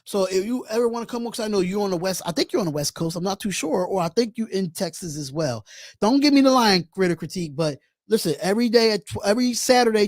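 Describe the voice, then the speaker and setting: A man in his thirties co-hosting a casual sports podcast over a video call, relaxed and slangy as he reads chat comments aloud. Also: sits high, dry recording, clean studio sound. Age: 30s. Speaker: podcast co-host.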